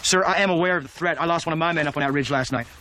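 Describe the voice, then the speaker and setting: A man's voice: a little high, rapid-fire, crowd noise, lightly acted. A man playing a tense, commanding National Guard lieutenant in a TV drama, speaking in clipped, urgent phrases. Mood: tense, dutiful. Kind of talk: TV drama acting.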